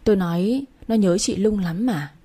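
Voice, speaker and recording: A woman voicing a kindly woman friend who coaxes and insists gently. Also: medium pitch, normal speed, slightly rough, close to an everyday voice. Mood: coaxing. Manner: coaxing, insistent.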